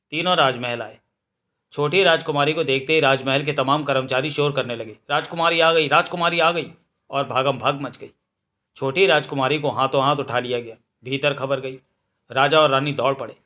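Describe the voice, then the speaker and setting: A man reading a novel aloud as narrator, in a steady storytelling manner, correcting an occasional slip. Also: mid-range voice.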